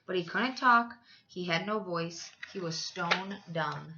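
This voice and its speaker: A woman's voice: lowish voice, slow pace, lo-fi sound, noisy background. A woman reading a children's story aloud as a teacher, expressively, with dramatic emphasis for young listeners.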